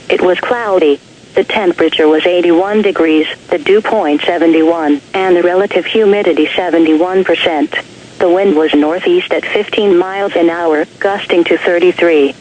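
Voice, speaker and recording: A woman's voice: on the low side, a little mellow. Synthetic female weather radio voice, faint noise. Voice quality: synthetic text-to-speech voice. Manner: formal, impersonal listing of figures. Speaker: automated weather radio announcer. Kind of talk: scripted weather observation report. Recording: noisy weather radio broadcast.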